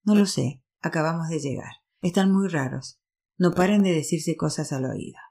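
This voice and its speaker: A woman reading a calm thoughtful young man. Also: low-pitched, moderate pace, creaky. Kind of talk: audiobook reading.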